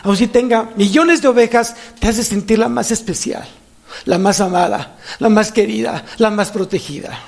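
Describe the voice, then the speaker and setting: High-voiced preaching pastor. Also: male voice, moderate pace, creaky. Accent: Mexican Spanish. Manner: animated preaching, repeats phrases for emphasis, acts out voices. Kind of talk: sermon. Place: church.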